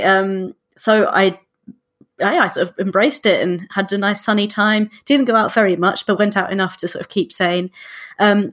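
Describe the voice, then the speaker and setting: A woman comedian chatting casually as a podcast guest in a hesitant, understated way. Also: medium pitch. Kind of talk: casual chat.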